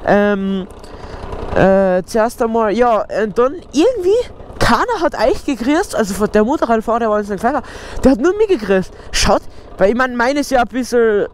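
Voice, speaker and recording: A man's voice: very high-pitched, sing-song, normal speed. A young man with an Austrian German accent chatting loosely while riding a moped, rambling and slangy, laughing often. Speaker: motovlogger. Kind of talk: casual chat while riding. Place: outdoors on a moped in town traffic. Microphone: helmet-mounted action camera. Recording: engine and wind noise. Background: traffic and engine noise.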